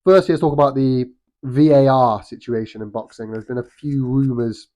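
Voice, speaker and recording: With a nasal cold, this British boxing vlogger speaks in a warm, steady, mid-range voice at normal speed. His casual opinion monologue rambles, with frequent restarts and ums.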